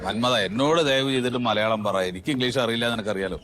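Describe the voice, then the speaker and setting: An actor playing an anxious friend who tries to calm a quarrel, in a placating, fussy manner. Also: male voice, mid-range voice, rapid-fire, noisy background, close to an everyday voice. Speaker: sitcom character.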